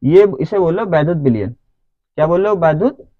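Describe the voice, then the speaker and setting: Male teacher, fairly high voice, dry close sound, keeps checking the class follows. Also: animated, brisk, dry recording, highs cut off. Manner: checks understanding with repeated questions. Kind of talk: classroom lecture.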